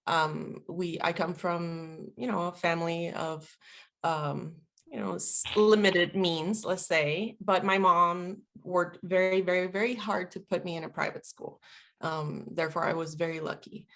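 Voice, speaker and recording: This Puerto Rican woman, about forty and a native Spanish speaker, is a veteran and linguist being interviewed. Her pitch runs fairly low and a bit bright, her tone steady, her pace a little slow, and she chats reflectively with lots of fillers.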